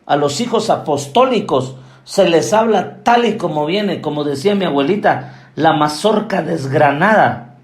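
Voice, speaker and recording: A man preaching a sermon as an apostle, forceful and emphatic. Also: a little high, animated, unhurried, reverberant.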